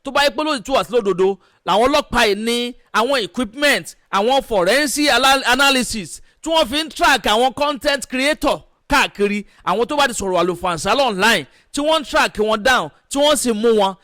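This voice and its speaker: A Nigerian-accented man delivers opinionated news commentary at a rapid clip. His pitch runs high and the sound is close and dry. He drops English phrases into his speech and questions indignantly. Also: expressive, bright, forceful tone, no echo. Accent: Nigerian Yoruba-language accent. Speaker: online news presenter.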